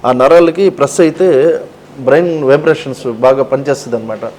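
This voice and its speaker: A man, a shop owner explaining things slowly and emphatically as an interview guest. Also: medium pitch, darkish tone, a little hiss or hum, rough recording. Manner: slow, emphatic, explains step by step.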